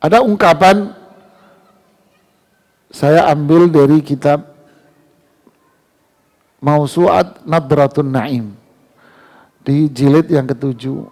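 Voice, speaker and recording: A man preaching a sermon in a mosque, animated, climbing loud on key words and slowing down to recite verses. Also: a little high.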